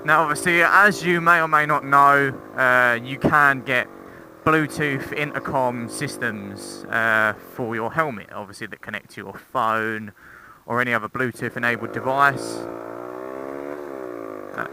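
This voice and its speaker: Riding on the road, a young man records a rambling, informal motorcycle review through the intercom microphone in his helmet, swearing a bit and mocking himself. He speaks at a measured pace in a medium-pitched voice with vocal fry, over loud motorcycle engine and road noise.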